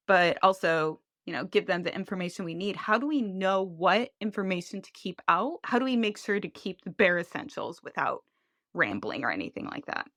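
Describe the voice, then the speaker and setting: A woman hosting a podcast, eager and chatty, with a mid-range voice. Her questions run long and lively. The sound is dry and close, with no room around it. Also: mid-range voice, no room sound. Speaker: podcast host. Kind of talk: podcast interview.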